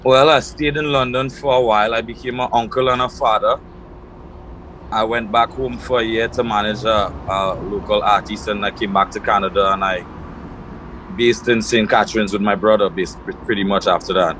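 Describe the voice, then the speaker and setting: A man from Trinidad and Tobago, answering interview questions at home in a relaxed storytelling way. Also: fairly low pitch, moderate pace, a little hiss or hum, poor audio. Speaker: guest, music label founder.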